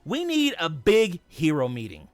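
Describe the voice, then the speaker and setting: A man acts out a nervous young comic-book superhero, high-voiced and very lively. He rambles, wisecracks and puts himself down, with faint music behind. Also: measured pace, dry recording. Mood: eager, flustered. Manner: rambling, self-deprecating.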